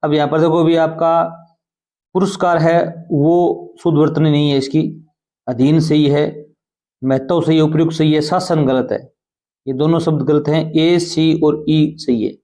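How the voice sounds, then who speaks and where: A male teacher running an exam-prep lesson who explains answers step by step and often asks quick questions. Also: a little high, fairly even intonation, warm tone.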